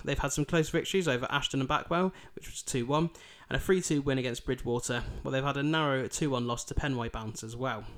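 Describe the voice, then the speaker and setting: Speaking fast with few pauses, this Bridlington man in East Yorkshire, England, previews fixtures on his football podcast. His thick Yorkshire accent carries a mid-range, slightly bright voice, and the chat is informal, partly scripted and partly casual.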